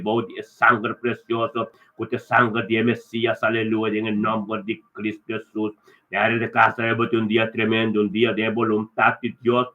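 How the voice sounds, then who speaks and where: A man pastor leading a fervent spoken prayer, chanting repeated refrains of praise. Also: fairly low pitch. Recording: tinny phone-line sound.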